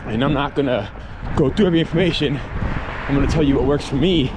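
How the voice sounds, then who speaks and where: A man's voice: mid-range voice, fast. A man chatting casually to viewers while running outdoors. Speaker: running vlogger. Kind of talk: casual vlog chat to viewers. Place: outdoors on a road run. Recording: clear wind and outdoor traffic noise.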